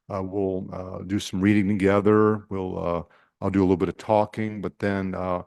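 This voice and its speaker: A deep male voice with vocal fry and a darkish tone belongs to a Nebraskan priest giving an informal talk at a retreat. He hesitates, fills pauses, starts over, and asks the room questions, all on a dry recording.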